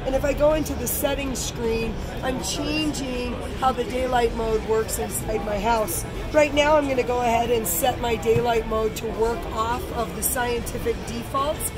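A middle-aged woman giving a trade show product pitch, explaining it step by step as a demonstrator. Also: steady tone, moderate pace, hardly any pauses, low-quality recording. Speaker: company representative demonstrating a product. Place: large busy trade show hall booth. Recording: busy crowd noise and music behind.

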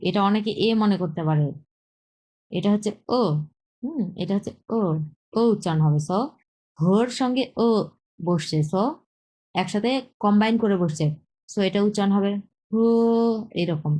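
A woman teaches a beginner Chinese lesson, repeating words slowly and mixing in English terms. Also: mid-range voice, mellow, rough recording. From Bangladesh. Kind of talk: slow explanatory lesson with drilled pronunciation.

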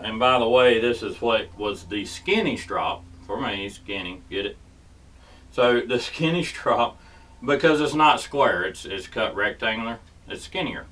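A folksy man walks through a casual how-to demonstration and keeps checking in with "okay?". His voice sits at an everyday middle pitch. He is recorded from a little way off the mic. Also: fairly bright tone, recorded from a distance, low-quality recording. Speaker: host. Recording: voice set back from the mic.

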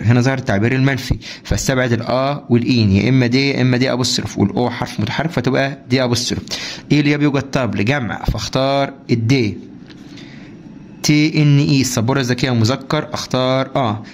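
A man with an Egyptian Arabic accent teaching a French lesson, drilling through homework answers and quizzing the class with quick rhetorical questions. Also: mid-range voice.

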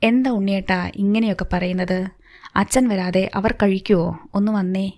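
A woman's voice: medium pitch, fairly even intonation, normal speed, a little mellow, natural voice. A woman reading the part of a worried wife and mother who keeps questioning her husband. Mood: probing. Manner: pleading, probing.

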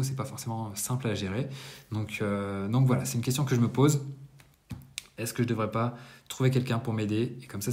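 A man in his thirties with a fairly low voice sits indoors in a bright apartment room, casually recapping his business month to camera. He keeps pausing to hesitate and fixing his own wording as he goes.

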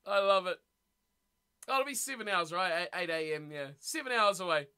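A man's voice: sits high, expressive, quick pace, bright, forceful tone, clean tone. A man with a New Zealand accent hosting a rugby watch-party stream, chatting casually with viewers, teasing them and laughing often. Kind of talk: casual live-stream chat, reading chat aloud.

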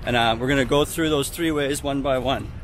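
A man's voice: mid-range voice, brisk. A man in his thirties talking casually to a camera held at arm's length while walking through a city park. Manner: casual, chatty, explanatory. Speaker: travel vlogger and English teacher. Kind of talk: walking vlog talk to camera. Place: outdoors in a city park and temple grounds. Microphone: handheld camera at arm's length. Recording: outdoor city noise behind. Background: traffic and city ambience.

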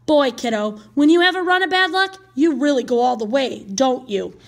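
A woman reading as a gentle, sympathetic man. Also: sits high, lively intonation, moderate pace. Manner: gentle, soothing.

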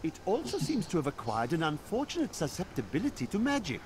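An actor playing a fussy, learned scholar narrating creature lore in a video game, precise and didactic. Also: male voice, a little high, wildly swooping pitch, fast, noisy background. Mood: pedantic.

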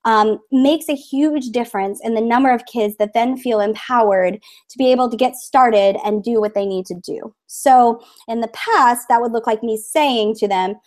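A woman's voice: a little high, moderate pace, hardly any pauses, darkish tone. Chatty teacher woman on a call. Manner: friendly, explanatory, many fillers, acts out classroom exchanges. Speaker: teacher presenting to educators. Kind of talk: conference presentation with screen share.

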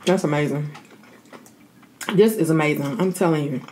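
A woman chats casually as a mukbang host, savoring her food and talking between bites with drawn-out mms. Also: low voice, a little mellow, slight background noise, low-quality recording. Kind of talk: casual eating chat. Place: indoor home setup with plain backdrop.

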